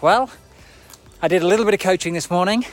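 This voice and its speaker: Speaking fast in a high-sitting voice, a man in his forties gives a casual, reflective motivational talk as a running coach on a live video, with faint music behind him. He often checks in with rhetorical questions while walking uphill outdoors near an airport.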